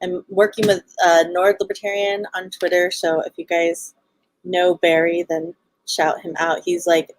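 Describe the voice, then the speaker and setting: A woman's voice: lowish voice, level tone, unhurried, dry recording, low-quality recording. A woman from Los Angeles with a Californian Valley Girl accent, chatting casually as an interview guest in a bubbly, slangy sorority-girl manner. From Los Angeles, United States. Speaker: podcast guest, show co-founder and event organizer. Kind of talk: casual live interview chat.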